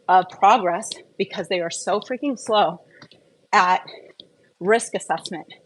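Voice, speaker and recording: A wellness vlogger talks casually and candidly in her personal vlog, opinionated and prone to rambling off on tangents. Her voice is medium-pitched, and the rough recording has a slight hiss or hum.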